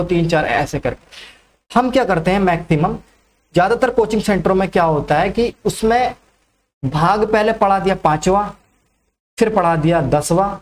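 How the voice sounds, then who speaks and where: A high-pitched man lectures for exam preparation, posing questions he then answers on his own. Key facts get repeated, and "ठीक है" comes up often.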